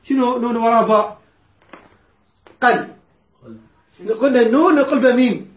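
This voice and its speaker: High-voiced man teaching Quran recitation. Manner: chants verses slowly, quizzes students. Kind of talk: tajweed lesson with recitation. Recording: roomy, dull lo-fi recording.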